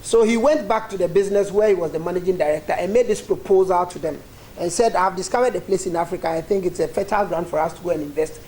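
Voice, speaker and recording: Brief: company spokesperson, mid-pitched, steady and explanatory, with light background hiss. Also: poor audio. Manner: measured, with frequent ums. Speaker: factory representative. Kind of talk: guided tour explanation.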